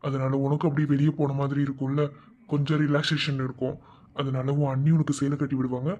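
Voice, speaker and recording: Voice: medium pitch, level tone, fairly quick, darkish tone, lo-fi sound, lightly acted. A performer voicing a loving elder brother in a cartoon, tenderly soothing his sister.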